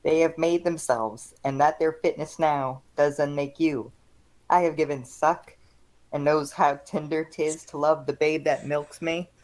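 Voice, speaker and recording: A woman reading the part of a scheming noblewoman in an amateur play reading, in a flat, halting way. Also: low-pitched, low-quality recording. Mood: urging. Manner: flat, halting read-through of the lines. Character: scheming noblewoman urging her husband on.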